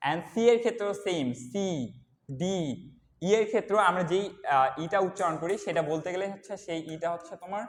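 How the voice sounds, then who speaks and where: A young man with a high voice teaches children English letters. He explains slowly and repeats each letter one by one. His voice rings out in an echoey room with a long reverb tail. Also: a little hiss or hum. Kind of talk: classroom lesson for kids.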